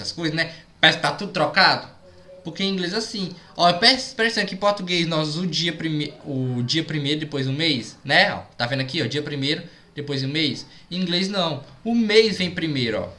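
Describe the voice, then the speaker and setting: A man with a high, ringing voice walks through a recorded lesson, saying each example twice and pausing to check that the listener follows. His tone is slightly high for a man and clear and forceful. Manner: explains step by step, repeats examples, often checks "entendeu?". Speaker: English teacher.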